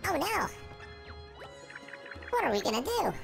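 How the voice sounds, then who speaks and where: Brief: excitable young origami girl, voiced by a man on a pitch-up voice changer, swooping lively delivery. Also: measured pace, creaky, over music, exaggerated voice. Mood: excited. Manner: bubbly, excitable, sing-song. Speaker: let's play gamer reading a character's lines.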